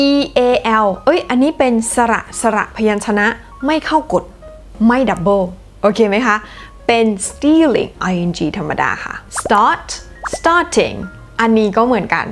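A woman hosting a casual English lesson, switching between Thai and slow, careful English as she explains spelling rules. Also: a little high. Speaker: English teacher.

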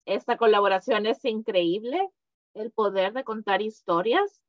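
A woman, a program coordinator, opening a community talk on a video call with earnest, slightly halting phrasing. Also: mid-range voice, no echo. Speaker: program coordinator, event host. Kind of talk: welcoming remarks on a video call. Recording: dry, dull video-call audio.

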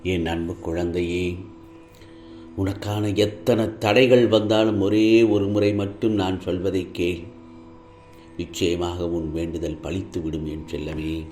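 A man gives voice to an elderly male saint speaking tenderly to a troubled devotee in a devotional monologue. His voice sits very low and moves at an unhurried crawl, calm and reassuring throughout. Faint music plays softly behind him. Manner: slow, gentle, soothing reassurance.

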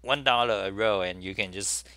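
This middle-aged man from Taiwan hosts a talk show and rambles alone to camera from a small-room desk, saying "you know" a lot and restarting often. His voice sits low and sounds pushed and bright at normal speed, on a dry recording.

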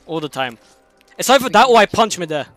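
A young man in casual gaming chat, often repeating his phrases in quick succession. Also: sits high, big pitch swings, a bit bright, no room sound, soft background music. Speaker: gamer.

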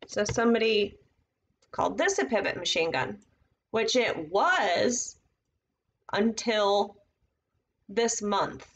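A woman's voice: mid-range voice, expressive, slow pace, pauses often. A woman casually teaching trading setups on a live stream, thinking aloud as she marks up charts at her computer. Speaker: trading educator.

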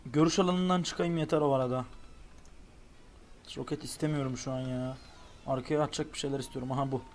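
A young man giving casual, excitable commentary while playing a racing game online. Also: mid-range voice, quick pace, a little hiss or hum. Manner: excitable, exclaims at near misses. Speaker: gaming YouTuber.

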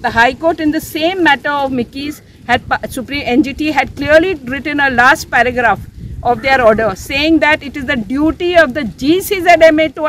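Older woman, civic activist, high voice, insistent, many restarts, outdoor interview with faint traffic behind. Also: fairly bright tone. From India. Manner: earnest, insistent, with frequent restarts and fillers. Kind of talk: on-the-spot news interview. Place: outdoors near a beach, under an umbrella.

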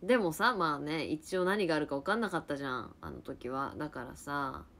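Chatty young woman with a lively voice. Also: low voice, a little fast. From Niigata, Japan. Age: 20s. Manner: chatty, reacts to comments, laughs often. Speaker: livestream host chatting with viewers. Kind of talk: casual chat.

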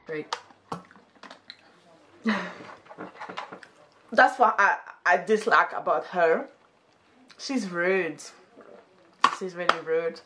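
A woman's voice: lowish voice, extremely slow, pauses often, bright, forceful tone, slight background noise. Giggly young woman, searching for words. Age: 20s. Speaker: guest sister. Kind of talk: casual chat. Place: living room couch indoors.

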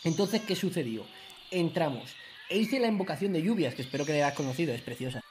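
A man's voice: fairly high pitch, animated, fast, a crowd in the background. A man, a fellow player in a game, telling a long, mock-solemn story. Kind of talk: casual gaming chat. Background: background music.

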